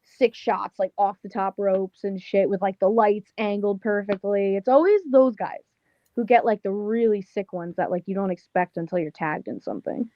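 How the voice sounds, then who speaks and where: A young woman with a thick Long Island accent talks loosely and casually, packing her sentences with "like" and "um". Her voice sits at an ordinary pitch. The recording is dry and a little dull, with no room sound around her. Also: normal speed, no echo. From Las Vegas, Nevada. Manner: casual, slangy, lots of "like" and "um". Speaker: pro wrestler, interview guest. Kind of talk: casual interview chat.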